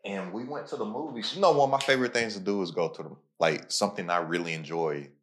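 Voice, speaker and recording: A young man with a very low, deep voice hosts a relaxed, casual podcast chat. He spins his stories in animated, slang-filled bursts, picking up speed now and then.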